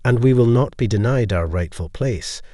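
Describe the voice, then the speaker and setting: A man's voice: medium pitch, moderate pace, dark tone, dry recording, clean studio sound, lightly acted. A man reading the lines of a firm, formal female human ambassador in an audio story. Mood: steely.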